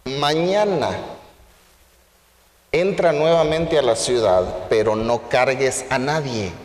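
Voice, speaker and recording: A man's voice: mid-range voice, slow pace, voice pushed down, lightly acted. A man voicing a stern, wise female mother donkey in a told story, recorded in an echoey church hall.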